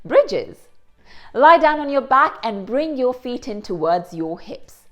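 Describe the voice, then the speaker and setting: A woman presents a self-improvement lesson. Her fairly high voice rises and falls in a lively way. She explains each step clearly and carefully. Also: takes it slowly, soft background music. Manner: clear, careful explanations with occasional Hindi asides. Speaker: host. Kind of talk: instructional presentation.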